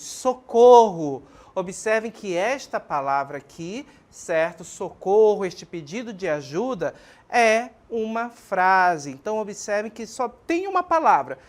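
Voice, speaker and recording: A woman teacher with a Brazilian Portuguese accent giving a classroom lesson, explaining step by step and often checking in with "ok?" and "certo?". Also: medium pitch. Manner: didactic, frequent checking questions like ok and certo; addresses students warmly as minha gente and pessoal.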